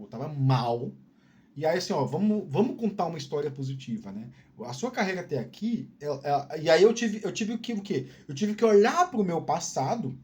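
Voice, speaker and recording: A middle-aged man with a Northeastern Brazilian accent hosts a YouTube channel, talking solo to the camera in a candid, rambling way. His voice sits high with a darkish tone, and his speech drawls, full of restarts and "né, cara" tags.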